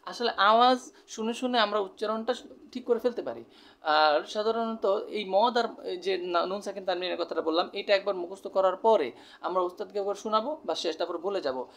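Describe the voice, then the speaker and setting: A man's voice: sits high, fairly quick, fairly bright tone. A man from Bangladesh teaching Quran recitation rules in an explanatory, repetitive way, with many fillers. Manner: explanatory, repeats terms, frequent fillers. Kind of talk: spoken Quran recitation lesson.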